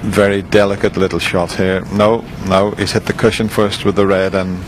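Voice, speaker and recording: A man giving quiet, low-key snooker commentary in a relaxed, understated manner. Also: moderate pace, noisy background.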